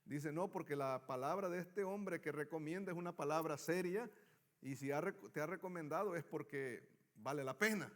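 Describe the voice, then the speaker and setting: High-voiced man teaching a Bible class. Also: normal speed. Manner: reads scripture aloud then asks the class questions. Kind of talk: Bible study lesson.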